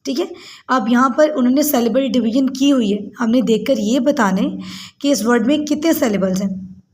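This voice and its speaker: Fairly high-voiced woman teaching children. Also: a little hiss or hum. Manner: calls pupils "beta", many filler "uh"s, reads English words out slowly. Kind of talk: recorded class lesson for children.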